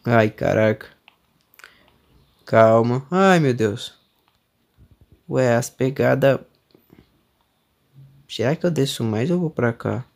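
A man's voice: mid-range voice, animated, slow pace, gravelly, long pauses. A young man with a Brazilian accent doing let's-play commentary on a horror game, nervous and jumpy, exclaiming often as he goes. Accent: Brazilian Portuguese. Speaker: gamer streamer.

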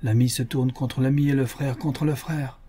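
A man's voice: medium pitch, fairly even intonation, normal speed, mellow, slightly rough, close to an everyday voice. A man voicing a cornered, ashamed male spy in an audiobook, grumbling in a sour-sweet tone. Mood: rueful.

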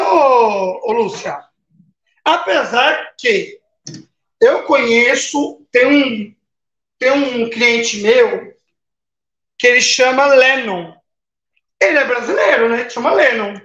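A man's voice: very high voice, lively intonation, slow, long pauses, a bit bright. A man with a Brazilian accent hosting a casual baking live stream, chatting and greeting viewers by name, with lots of tag questions. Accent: Brazilian Portuguese. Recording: roomy, slightly dull live-stream audio.

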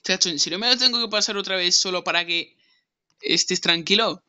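Brash young gamer. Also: male voice, high voice, fairly quick, pushed and bright, clear, resonant tone. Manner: brash, swears, argues with someone off-mic. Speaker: gaming streamer. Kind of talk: gameplay commentary.

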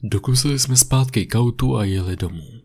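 A man narrating a creepypasta in a steady, even horror-story reading on a condenser microphone. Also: mid-range voice, breathy edge, faint music behind. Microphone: USB condenser mic.

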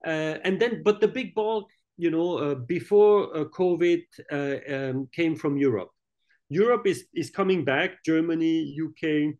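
Over a webcam video call, a middle-aged hotel group head, French-born and raised in Italy and Switzerland, is interviewed indoors in a room featuring a large painting. His slightly high, darkish voice sounds muffled, and his speech is halting, full of restarts and fillers.

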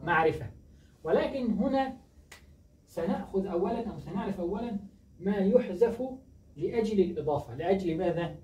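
A teacher with a mid-range, dark-toned voice leads a grammar lesson, constantly posing questions, answering them himself and repeating key words. The audio is echoey, distant and dull, with faint noise.

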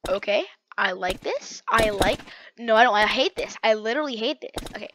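A woman's voice: on the high side, lively intonation, normal speed, noisy background. A young woman giving live gameplay commentary, talking to herself dramatically with slang and lots of repeated words. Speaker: gaming creator. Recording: dull lo-fi dry mic.

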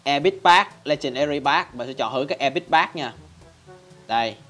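A man's voice: a little high, moderate pace, a bit bright, soft background music. A man hosting a casual game tutorial in a chatty style, constantly addressing viewers. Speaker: Minecraft channel host.

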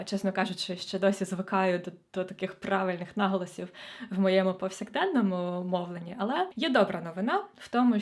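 Woman tutor explaining exam prep. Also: mid-range voice. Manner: friendly, direct, addresses students. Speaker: Ukrainian language tutor. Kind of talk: online exam-prep lesson.

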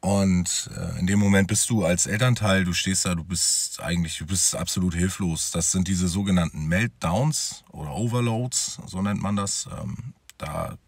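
A man's voice: sits low, moderate pace, gravelly, few pauses, slightly rough, dry recording. A man telling his own story as a father in a personal vlog, talking straight to his viewers in a conversational way.

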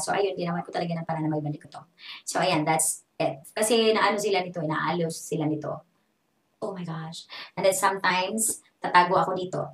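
A young woman with a Filipino accent, an online English teacher giving a casual, chatty tutorial in English and Tagalog. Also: lowish voice. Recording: echoey room.

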